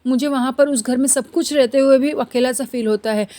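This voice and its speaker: A woman's voice: high voice, fairly even intonation, a little fast, mellow. A woman casually retelling a TV serial episode, reading out the dialogue in a plain storytelling tone. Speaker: serial recap narrator. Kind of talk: casual spoken plot recap.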